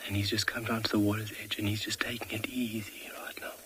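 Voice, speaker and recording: Safari guide, man, low and even, hushed whisper outdoors with steady ambient noise. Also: fast talker. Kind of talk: whispered live wildlife commentary. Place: outdoors at a watering hole.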